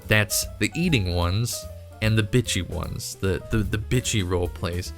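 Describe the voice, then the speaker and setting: With faint music playing behind him, the host of a YouTube cartoon channel speaks in a voice on the low side at a slightly slow pace. He chats casually and ramblingly, sounding jokingly incredulous and often cutting himself off mid-thought.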